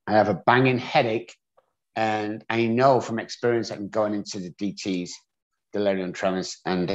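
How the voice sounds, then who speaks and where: A man from England with an English accent, a guest telling his own story in a candid, self-deprecating way. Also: fairly low pitch. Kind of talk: storytelling interview. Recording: dull lo-fi audio.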